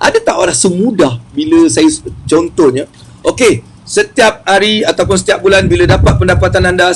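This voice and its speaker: A man giving a motivational seminar talk about wealth, chatty and lively, repeating phrases for emphasis. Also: sits high, a little hiss or hum, low-quality recording.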